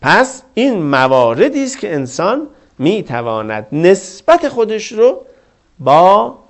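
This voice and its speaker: A man's voice: high-pitched, huge pitch swings. A man preaching a religious sermon, asking rhetorical questions and quoting scripture with fervor.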